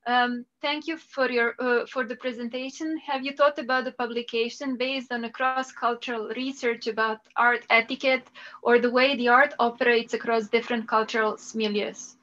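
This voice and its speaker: Brief: Serbian-accented woman, higher voice, halting English, dull muffled recording. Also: steady tone, a bit bright. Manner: thoughtful, halting, repeats words. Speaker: moderator. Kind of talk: conference talk and moderating.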